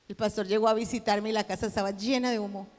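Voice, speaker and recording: A woman's voice: medium pitch, steady tone, fast. Woman preaching in an echoing hall. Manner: storytelling, acting out dialogue, rising to shouts. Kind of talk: sermon testimony.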